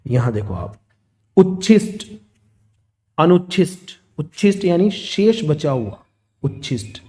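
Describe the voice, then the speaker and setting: A man's voice: fairly high pitch, measured pace. A man teaching a grammar lesson, steadily listing words and their opposites. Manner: steady, listing word pairs one after another.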